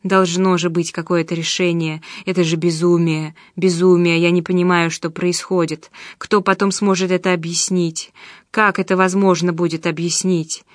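Brief: woman narrator doing an anxious, whispering Roman governor; quiet, dry close read. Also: lowish voice, level tone, normal speed, no room sound, natural voice. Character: frightened, confused ancient Roman governor, man.

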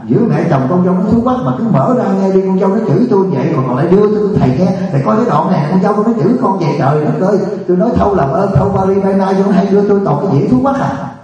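A man's voice: high voice, lively intonation, racing, warm tone. A man, a monk, preaching in a scolding, rhetorical way that keeps pressing the listeners with questions. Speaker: monk giving a dharma talk. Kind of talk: sermon. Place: large meditation hall. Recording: echoey, distant, muffled hall recording.

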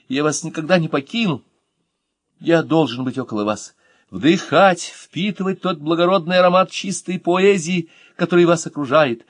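A man's voice: dry recording, clean studio sound. A man doing a gushing sentimental young poet. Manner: gushing, sentimental, high-flown. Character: sentimental young male poet, effusive and naive. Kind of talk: audiobook character voice.

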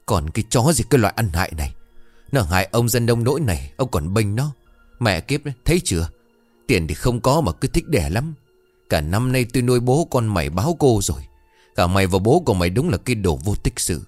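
A man voicing a shrill, abusive middle-aged mother who screams curses at her daughter in rapid tirades. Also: very animated, a little mellow, no room sound, faint music behind. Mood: screeching, abusive. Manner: cursing, screeching, rapid tirades.

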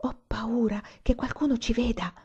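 A woman's voice: a little high, a little slow, mellow, husky, muffled recording, pitched above the performer's own voice. A woman reading the lines of a shy, frightened young woman in love, often in a whisper. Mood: hushed.

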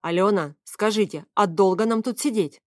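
A man's voice: sits high, normal speed, dry recording, lightly acted. A woman reading aloud, voicing a polite, doubtful man who asks worried questions, in a dry close recording.

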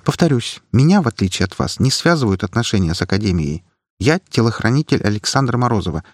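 A man voicing Min, a grim, loyal young woman bodyguard who speaks flatly and categorically. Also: fairly low pitch, quick pace, dry recording, clean studio sound, pitched above the performer's own voice. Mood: resolute. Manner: flat, categorical.

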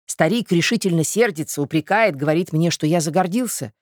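A reader playing a flustered young nobleman in a storybook reading, stumbling and pleading in slow, hesitant phrases. His voice sits a little low and dry, close to the mic, with filler sounds between his words. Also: dry recording, close to an everyday voice. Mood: anxious, pleading.

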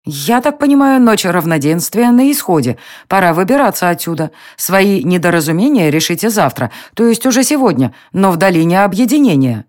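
A woman's voice: fairly low pitch, sing-song, brisk, few pauses, darkish tone. A woman voicing a blunt, cheeky young woman who speaks brusquely in a storybook reading. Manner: brusque, snappy.

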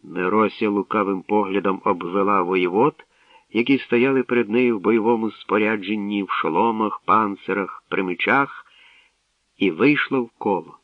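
A man narrating a story in a measured, even storytelling manner. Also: fairly low pitch, no echo. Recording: dull distant dry recording.

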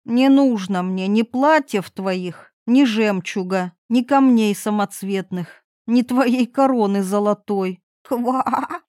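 A croaking, pleading little frog, as a woman puts him on. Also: medium pitch, darkish tone, no echo, studio quality, lightly acted. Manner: croaks "kva" between phrases; slow, drawn-out pleading. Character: fussy pleading male frog, small and persistent.

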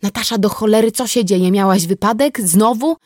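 A woman reading the part of a gruff, protective older brother who barks and then speaks coldly and firmly, in an audiobook. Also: lowish voice, brisk, no room sound, clean studio sound, natural voice. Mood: yelling. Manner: shouting, then hard and clipped.

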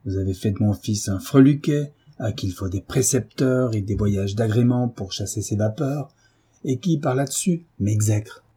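A man reading a drunken, brutish middle-aged husband, speaking slowly with slurred pauses and a low, husky, dark voice. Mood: drunk, menacing. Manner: slow, slurred, with frequent pauses.

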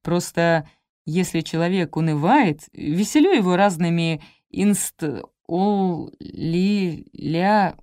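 A woman's voice: fairly low pitch, unhurried, darkish tone, no echo, clean studio sound, lightly acted. Woman doing a mumbling clumsy shop guard. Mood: awkward apologetic. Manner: mumbling, hesitant, full of filler sounds.

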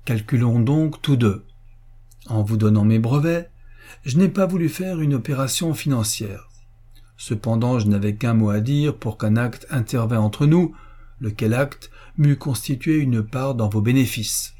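A man's voice: mid-range voice, unhurried, mellow, natural voice. A man voicing an indignant old father, proud and hurt, in a storybook reading, with bitter, reproachful speeches.

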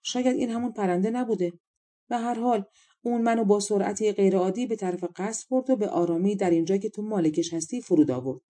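A woman's voice: mid-range voice, dark tone, close to an everyday voice. A woman voicing a lazy young girl telling her story in a storybook reading. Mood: offhand.

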